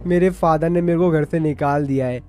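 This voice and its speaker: A man's voice: fairly high pitch, brisk, dark tone, faint music behind, natural voice. Man voicing a pleading young man.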